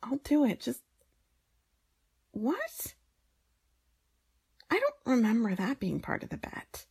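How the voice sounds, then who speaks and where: A woman playing a grudging, teasing maid in an intimate audio role-play, with exasperated, breathy asides and a husky, creaky voice. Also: a little high, huge pitch swings, takes it slowly, darkish tone, full character voice. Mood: embarrassed, grumbling.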